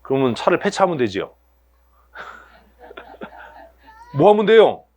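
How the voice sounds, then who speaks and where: A man's voice: a little high, big pitch swings, slow, a little mellow. A male pastor preaching a sermon to his church, asking the congregation rhetorical questions and acting out everyday scenes in other voices. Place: church sanctuary.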